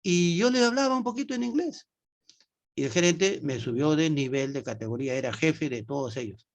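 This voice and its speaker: Man teaching, rather high voice. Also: expressive. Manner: demonstrates words slowly, often ends with "¿no?". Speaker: English teacher. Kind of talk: online class explanation.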